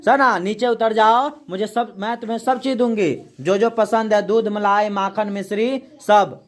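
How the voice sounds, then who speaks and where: A woman teaching a class, reading a poem slowly line by line, then explaining each line and quizzing the students with quick questions she answers herself. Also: mid-range voice, steady tone. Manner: slows down to recite verse lines.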